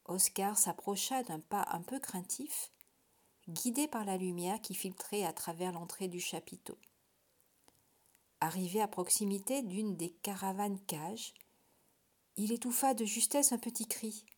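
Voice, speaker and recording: Woman reading a storybook aloud, expressive. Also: medium pitch, a little slow. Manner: expressive, hushed in tense moments.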